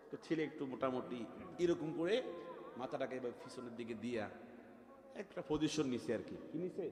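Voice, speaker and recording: A man preaching a sermon, telling a lively story, swinging from loud to quiet and asking his listeners questions. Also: medium pitch. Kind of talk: Bengali waz sermon with storytelling. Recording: echoey, reverberant venue.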